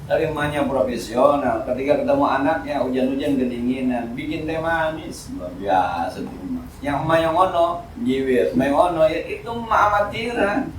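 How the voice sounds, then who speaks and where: A man with a Jakarta Betawi accent giving an informal, joking sermon at a mosque study session, swinging between loud and soft. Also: mid-range voice, expressive, normal speed, slight background noise. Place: mosque hall. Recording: echoey hall, speaker far from mic.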